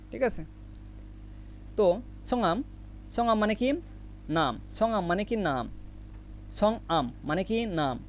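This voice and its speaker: A man with a high-pitched voice teaching vocabulary. He drills each word in a question-and-answer pattern, repeating it again and again. A faint hum sits under the recording. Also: darkish tone. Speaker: Korean language teacher. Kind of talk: recorded vocabulary lesson with memory tricks.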